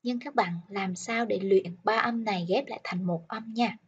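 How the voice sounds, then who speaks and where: A woman teaching the alphabet to children. She pronounces each word slowly, repeats it, and praises the listener. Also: mid-range voice, husky. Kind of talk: slow pronunciation drill. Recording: dull lo-fi sound.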